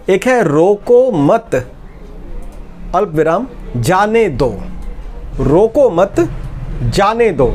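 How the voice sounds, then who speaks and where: A man's voice: high-pitched, darkish tone, a little hiss or hum. A man explaining step by step in a tutorial and speaking to viewers as friends. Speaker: publishing instructor. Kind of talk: tutorial talk.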